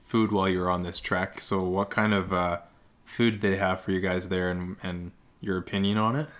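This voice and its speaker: A man's voice: low voice, level tone, normal speed, fairly bright tone. A man from Canada hosting a podcast, asking casual questions, laughing often and tossing in short encouraging replies. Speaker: podcast host. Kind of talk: casual interview.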